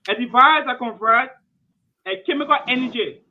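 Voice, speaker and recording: His voice is extremely high-pitched and moves at a moderate pace as this Liberian quizmaster reads questions and rules on answers, stressing and repeating his judgments. The audio is muffled lo-fi with a faint noise floor.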